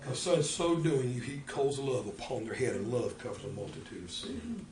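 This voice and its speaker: An older man preaching a folksy, animated sermon as pastor, acting out little conversations. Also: mid-range voice, a little hiss or hum. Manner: folksy, animated, acts out dialogue. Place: church. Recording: echoey church room from far off.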